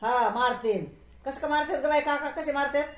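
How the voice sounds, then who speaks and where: A woman's voice: high voice, normal speed. A woman scolding a small child in a teasing way at home, repeating herself. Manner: teasing, playfully scolding, repetitive. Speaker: video creator. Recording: echoey room.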